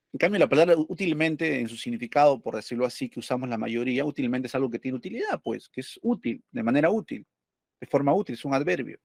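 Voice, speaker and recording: A man's voice: mid-range voice, a little mellow, no echo, studio quality. Man explaining punctuation rules. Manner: explanatory, asks and answers his own questions. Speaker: teacher. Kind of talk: lecture going over test questions.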